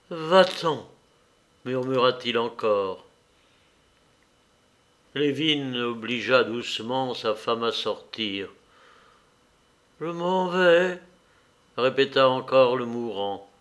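Slow, measured male audiobook reader. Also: mid-range voice, fairly bright tone. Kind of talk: novel reading.

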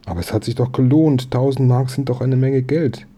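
A man's voice: mid-range voice, warm tone, slightly rough, voice pushed up, natural voice. A man reading aloud and voicing a chatty, bustling neighbor woman, a baker's wife, who talks eagerly and reassures. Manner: bustling, gossipy, quick to reassure.

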